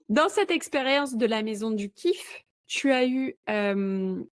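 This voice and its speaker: A woman's voice: sits high, animated, extremely slow, no echo. A woman hosting a podcast, asking questions with enthusiasm and laughing along with her guest. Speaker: podcast host. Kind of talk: casual podcast interview.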